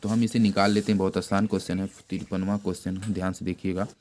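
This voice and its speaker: A man giving an informal math lesson who keeps repeating terms and quizzing his pupil with quick questions. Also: low voice, level tone, darkish tone, slight background noise. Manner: plain conversational delivery with frequent restarts. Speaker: math teacher.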